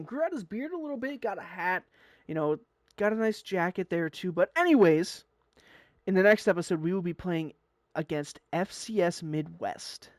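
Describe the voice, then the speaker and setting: A man's voice: high-pitched, no echo. A young man with a slightly raised voice chats through his sports game as he plays. He rambles in an easy, upbeat way and stumbles over a word here and there. The sound is dry and close, recorded at a desk mic. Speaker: gaming YouTuber. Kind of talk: casual gameplay commentary.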